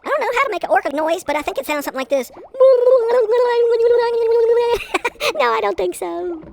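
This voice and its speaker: Woman, very high voice, lively swooping pitch, giggly, excitable, sing-song kids' spelling host. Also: rapid-fire, gravelly, heavy background noise. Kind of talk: playful children's spelling narration.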